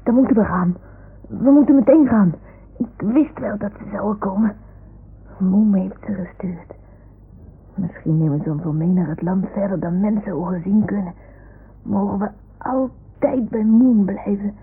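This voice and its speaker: A woman's voice: mid-range voice, normal speed, vocal fry, slightly rough. A woman playing a small, dreamy boy who talks earnestly to his toys in a 1960s radio drama, on a narrow-band old radio recording. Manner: earnest, urgent childlike talk.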